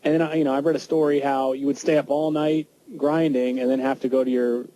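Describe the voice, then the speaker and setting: A man co-hosting, setting up a question with a lively lead-in. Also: mid-range voice, fairly quick, a little hiss or hum, low-quality recording. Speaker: co-host. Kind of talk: interview question.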